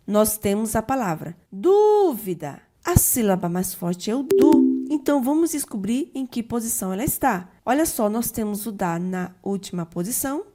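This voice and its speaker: A woman teacher, giving an online grammar lesson step by step and slowing down to stress each example word. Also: on the high side, warm tone. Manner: methodical, slowly stressed example words.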